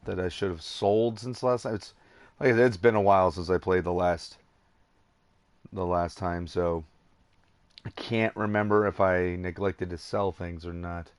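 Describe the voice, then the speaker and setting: A man's voice: low voice, no echo. A tired man rambling through casual gameplay commentary, chuckling at himself and hesitating often. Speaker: let's play gamer.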